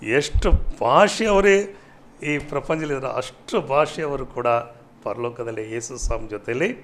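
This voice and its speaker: A man's voice: normal speed, a bit bright, a little hiss or hum. Fervent Kannada-accented man preaching on TV. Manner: fervent, rises in pitch and volume when quoting scripture. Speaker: pastor answering viewer questions. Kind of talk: televised Bible teaching.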